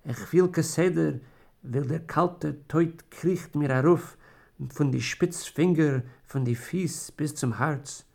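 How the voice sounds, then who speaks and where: A man's voice: fairly high pitch, slow, gravelly, darkish tone, full character voice. A man voicing a dying old male klezmer musician, weak, weary and remorseful. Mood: fading.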